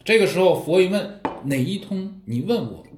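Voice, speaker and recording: A high-voiced Buddhist teacher moves at a moderate pace through a dharma talk on Zen koans, weaving in lively stories and rhetorical questions. The room echoes, with slight background noise.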